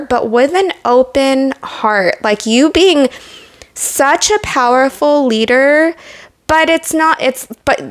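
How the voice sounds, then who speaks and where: A woman's voice: on the high side, smooth. A young adult woman giving a casual pick-a-card tarot reading, chatty and earnest, full of fillers and emotion. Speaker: tarot reader.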